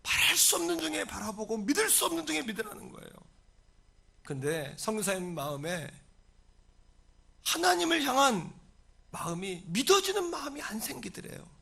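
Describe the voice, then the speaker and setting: A man preaching a sermon as pastor, shouting with passion and calling out in prayer, and leading the congregation to repeat lines after him. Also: very high voice, wildly swooping pitch, moderate pace, gravelly, breathy edge. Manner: leads the congregation in call-and-response.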